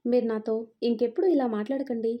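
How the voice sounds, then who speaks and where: A woman's voice: a little high, steady tone, fast, highs cut off, lightly acted. A woman reading the part of a shy young female student who stammers and pleads. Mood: indignant. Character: timid young woman student, easily frightened.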